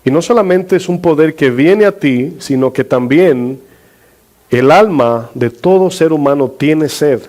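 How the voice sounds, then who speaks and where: A man's voice: on the high side, animated, unhurried, a little mellow. Spanish-speaking pastor preaching to his congregation. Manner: asks the congregation questions and drags out key words for emphasis. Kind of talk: sermon.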